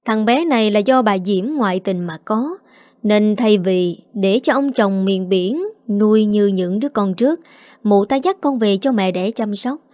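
A woman reading a village drama story aloud in a steady, expressive way. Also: mid-range voice, measured pace, no echo. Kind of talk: audiobook story narration. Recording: dry close mic with faint music.

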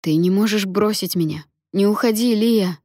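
A calm, wry young man speaks in a soothing, steady lowish voice. A woman narrator voices him. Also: moderate pace, no room sound, clean studio sound, natural voice.

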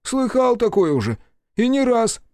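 A man playing a shrill, eager young clerk. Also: very animated, moderate pace, dark tone, no room sound, clean studio sound, heavily acted. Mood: aggrieved. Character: young male clerk, eager, touchy, grumbling.

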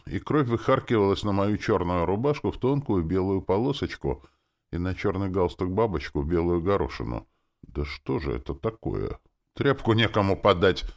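A very deep male voice reading a first-person audiobook. His pitch swings widely and the reading stays expressive and wry. It sounds like narrating a story.

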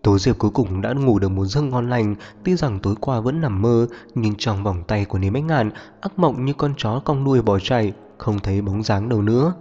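A man's voice: on the low side, normal speed, hardly any pauses, dark tone. Man narrating a novel, echoey muffled audio. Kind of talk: scripted narration. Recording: muffled reverberant audio, faint music.

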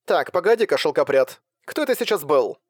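Парень играет резкую молодую командиршу, высоко и громко, давит приказами. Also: male voice, on the high side, very animated, a little fast, breathy edge, dry recording, clean studio sound, pitched above the performer's own voice. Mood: urgent. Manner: commanding, insistent.

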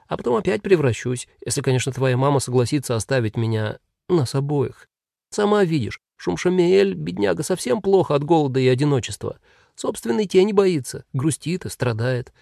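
Man voicing a chill demon who's a cat, a bit higher voice, breezy and reasonable, audiobook. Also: big pitch swings, fairly quick, vocal fry, warm tone, no echo, clean studio sound. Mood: apologetic. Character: cheerful male demon living as a cat, playful and easygoing.

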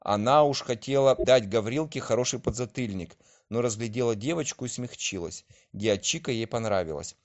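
On a dull, lo-fi old recording, a man with a medium-pitched voice narrates a children's story in an expressive, lively reading.

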